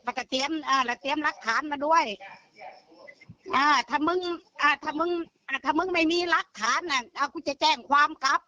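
A grandmother bluntly recounts a phone scam call in a casual, phone-style chat, swearing freely and repeating herself. Her voice is high-pitched, fairly quick and sharp, and the audio is poor.

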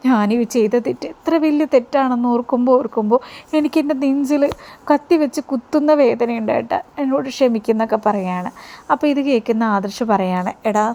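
A woman's voice: medium pitch, a little mellow. A woman chatting her way through a TV serial episode, quoting each character's lines in turn. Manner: conversational, tag-question fillers, quoting characters' lines. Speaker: serial episode recap narrator.

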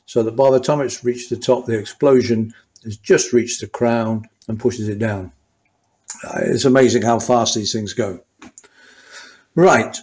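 Older mechanic, chatty how-to narration in a small garage workshop, thinks aloud mid-task. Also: male voice, mid-range voice, a little mellow. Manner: thinking aloud, restarting sentences while working. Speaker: motorcycle mechanic. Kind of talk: hands-on workshop tutorial.

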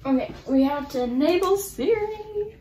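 Excitable woman with a high, mellow voice. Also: a little slow, slight background noise. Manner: excitable, gasping, drops into whispered asides. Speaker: vlogger. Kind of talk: unboxing vlog narration. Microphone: camera on a tripod.

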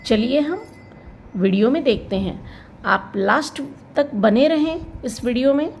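A woman teaching a pronunciation lesson, slowly drawing out example words and checking in with the viewer. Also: high-pitched, animated, darkish tone, a little hiss or hum. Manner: slow and careful, drawing out example words, asks the viewer "right?". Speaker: English teacher.

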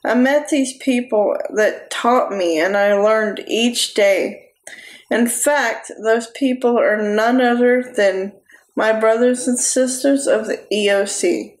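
Woman, testimony sermon, slow halting delivery, echoey room. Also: on the high side. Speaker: preacher. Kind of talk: personal testimony sermon to camera. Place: small room indoors.

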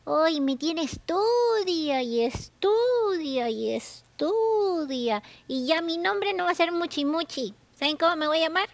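A woman's voice: very high-pitched, fairly quick, vocal fry, few pauses, fairly bright tone, dry recording, exaggerated voice. A woman playing a playful, whiny little girl on a children's religious show, exclamatory and repetitive. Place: TV studio armchair set.

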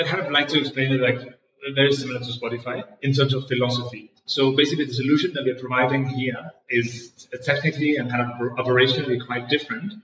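A man's voice: medium pitch, a bit bright. A man from Denmark in his thirties, a startup founder answering interview questions in an office, hesitant with many fillers and restarts. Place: co-working space office. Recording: echoey room, distant and dull.

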